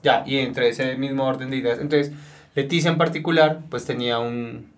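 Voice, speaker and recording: A man's voice: mid-range voice, fairly even intonation, moderate pace. A man from Colombia, a teacher, interviewing a guest; he hesitates and gives lots of context before he asks. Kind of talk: conversational interview.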